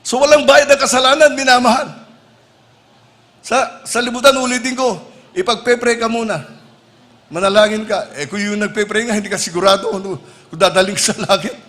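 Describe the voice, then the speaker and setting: A man preaching with a high, bright voice sitting well above most men's. He calls his congregation "beloved" again and again and drops English phrases into the sermon. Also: fairly quick. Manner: calls the listeners "minamahal ko" (beloved) over and over.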